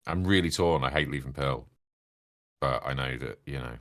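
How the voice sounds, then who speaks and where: A man's voice: rumbling low, normal speed, fairly bright tone. A man speaking as a player in a tabletop role-playing game, wry and wordy, with old-fashioned turns of phrase. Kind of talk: in-character tabletop game chat.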